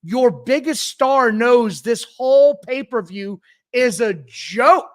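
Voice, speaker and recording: A man co-hosting a podcast, talking in an animated, opinionated way in casual chat. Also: extremely high pitch, slow. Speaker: podcast co-host.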